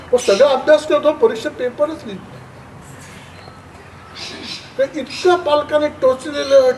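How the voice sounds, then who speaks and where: A man with a very high voice gives a public talk to parents at a school. He tells stories in a lively way and acts out the voices of parents and children. The mic sits far from him, and clear background noise runs under his voice. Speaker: education speaker. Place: school hall.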